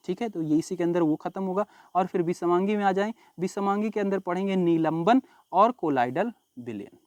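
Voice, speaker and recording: A man's voice: sits high, no room sound. A man teaching a science lesson in a casual classroom style, repeating key terms and quizzing his students as he explains. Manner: chatty, calls students bhai and babu log.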